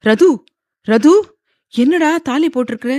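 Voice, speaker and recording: A doting middle-aged father, voiced by a woman narrator, cries out anxiously for his daughter in a raised, pleading voice that sits higher than the narration. The recording is dry and close. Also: unhurried, a little mellow, no echo.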